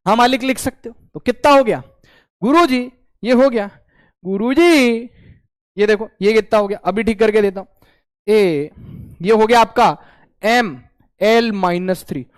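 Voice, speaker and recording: A man's voice: sits high, unhurried, long pauses, no room sound. A young man teaching a physics lesson for exam prep in a playful, slangy way, often acting out his students' replies.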